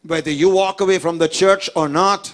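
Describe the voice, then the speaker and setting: Slow, high-voiced man preaching in short phrases. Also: steady tone, fairly bright tone, clear, resonant tone. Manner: preaches in short phrases, pausing for the interpreter, rising to emphatic exhortation. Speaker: pastor. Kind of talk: sermon with live interpretation. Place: church service.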